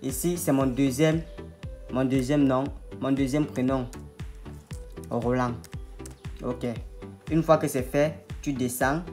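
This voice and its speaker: Guy walking you through a screen tutorial, patient, repeats stuff, some soft music behind. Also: medium pitch, fairly even intonation, slow, long pauses. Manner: patient, explanatory, repeats and rephrases steps. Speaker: online tutorial host. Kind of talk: screen-recorded step-by-step tutorial. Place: at his computer, voice-over of a screen recording.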